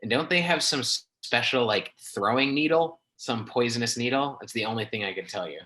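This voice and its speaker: A man's voice: medium pitch, a little fast, pushed and bright, poor audio. A young man in casual podcast chat who tells stories in a chatty way and laughs as he talks. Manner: chatty storyteller, laughs while talking. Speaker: podcast co-host.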